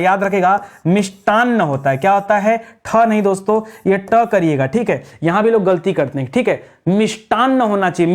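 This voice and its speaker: A male teacher going through spelling questions in an exam-prep lesson, asking a question and then answering it himself. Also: high-pitched. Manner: drills answers with repeated questions.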